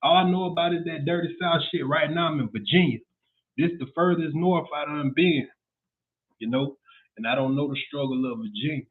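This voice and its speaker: A man's voice: on the high side, a little fast. Blunt Southern man on a phone-like line. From Central Florida, US South. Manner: blunt, profane, frequent "you know what I'm saying". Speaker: podcast host. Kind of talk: casual podcast monologue. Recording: tinny phone-like sound.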